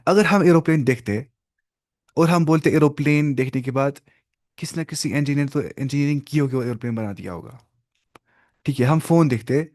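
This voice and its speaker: Fast-talking male Arabic teacher. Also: medium pitch, a little mellow, no room sound, clean studio sound. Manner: fast-talking, mixes in English, asks learners questions. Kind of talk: online language lesson in Hindi-Urdu.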